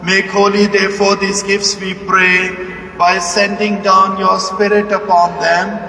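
A man, a priest, reciting the prayers of the Mass in a measured, solemn manner, his voice echoing through a large cathedral. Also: sits high, completely flat delivery, sharp tone. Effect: cathedral echo. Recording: echoey cathedral, distant mic, faint hum.

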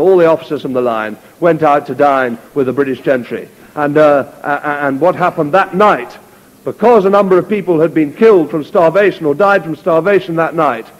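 A man giving a passionate history lecture with many restarts, who reads passages aloud to the audience. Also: a little high. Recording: echoey hall, dull lo-fi recording.

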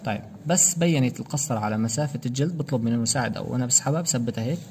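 A man's voice: medium pitch, racing, a little mellow, a little hiss or hum. A man giving a practical anesthesia lecture, explaining procedure steps and quizzing students with rhetorical questions. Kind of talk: practical medical demonstration.

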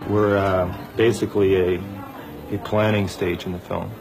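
A man's voice: low voice, flat delivery, normal speed, gravelly, music in the background, low-quality recording. A man speaking as an animation layout artist, explaining his work in a documentary interview. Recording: noticeable background noise.

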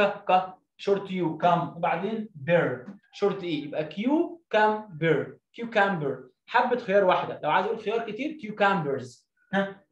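A man with an Egyptian Arabic accent, teaching a lesson. He says example sentences slowly, explains in quick bursts, and sounds words out syllable by syllable. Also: sits high, lo-fi sound. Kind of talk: classroom-style explanation. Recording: echoey room.

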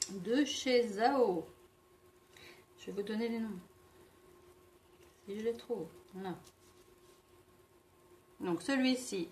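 Slow, hesitant woman reviewing makeup. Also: a little high, a little hiss or hum. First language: not English. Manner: slow, hesitant, many fillers. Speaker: beauty vlogger. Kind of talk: casual product review.

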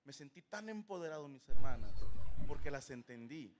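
A man's voice: medium pitch, expressive, moderate pace. A man with a Mexican accent, a streamer telling a crude, joking story on a live stream. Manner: crude, joking anecdote-teller. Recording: noisy stream audio.

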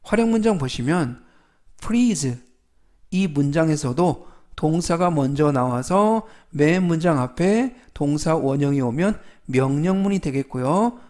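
A man's voice: a little high, lively intonation, measured pace, a little mellow. A man with a Korean accent teaching English vocabulary, giving polite formal explanations and repeating each word for the listener to copy. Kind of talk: slow instructional vocabulary lesson.

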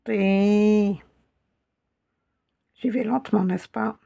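A woman teaching a slow, patient language lesson who repeats each sound carefully. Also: medium pitch, vocal fry, a little mellow, husky. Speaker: Arabic teacher.

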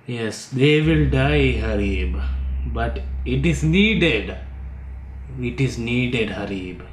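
A man's voice: medium pitch, lively intonation, very slow, reverberant, slight background noise. An actor in an amateur film playing a scheming male extremist leader who lectures insistently. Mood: commanding.

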